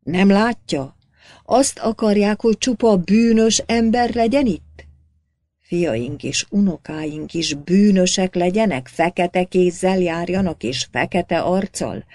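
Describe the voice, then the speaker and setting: A woman's voice: lowish voice, dry recording, clean studio sound, lightly acted. A woman voicing an old male village priest, guilt-ridden and fervent, who pleads and cries out in anguish. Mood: anguished shouting. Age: older. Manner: pleading, then shouting in anguish.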